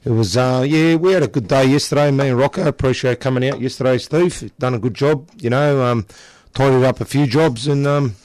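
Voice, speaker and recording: A man's voice: mid-range voice, fairly quick, few pauses, darkish tone, no room sound. An Australian man chatting casually in a blunt, matey tradesman's way, full of worksite slang. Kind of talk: casual chat.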